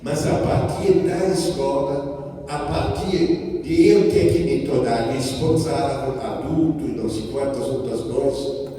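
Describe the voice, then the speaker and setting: A man's voice: mid-range voice, slow, dark tone. A priest giving a reflective homily, speaking directly to his congregation in a church. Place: church with a sacristy. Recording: echoey church from far off.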